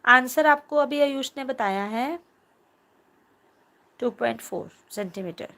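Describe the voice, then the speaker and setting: Young woman, teacher, live online class, phone mic, chatty, teasing, fairly high voice. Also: measured pace, bright, forceful tone. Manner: chatty, teasing, reads comments aloud. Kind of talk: live online class, reading chat comments.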